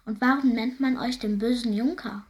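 A woman's voice: on the high side, steady tone, moderate pace, natural voice. A woman voicing a curious, timid young princess in a fairy tale, asking hesitant questions.

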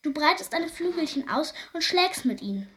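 A woman's voice: sits high, animated, moderate pace, a bit bright, voice pushed up. A woman voicing a strict but kindly female angel teacher in a children's story, giving orders to little angels. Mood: encouraging. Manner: stern, calling out orders.

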